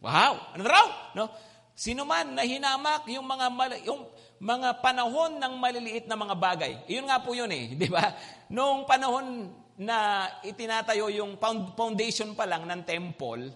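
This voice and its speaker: A male preacher giving an animated sermon, mixing in English phrases and checking in with the crowd. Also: extremely high pitch, a little slow. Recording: long hall reverb.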